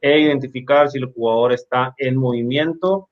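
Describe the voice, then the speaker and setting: A man's voice: mid-range voice, normal speed. A man, a basketball referee, explaining game rules on a video call, with fillers and restarts. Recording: dull lo-fi call audio.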